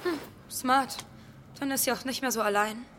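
A young woman playing a sharp-tongued but helpful schoolgirl in a naturalistic drama, blunt, teasing and slangy. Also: on the high side, moderate pace, background noise, close to an everyday voice. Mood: dry, concerned.

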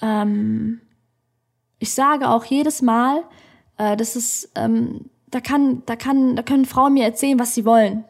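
A woman's voice: a little high, steady tone, a little slow, creaky. A woman comedian telling a personal story on a podcast in a studio, blunt and outspoken.

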